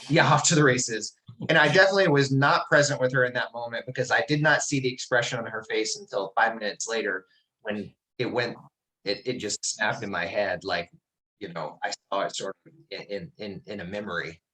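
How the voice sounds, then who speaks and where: A middle-aged man teaches a small class over a video call, his low-pitched voice carrying a bright, forceful edge. He tells personal stories in a relaxed, reflective way, often stopping to restart a sentence. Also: fairly quick, poor audio.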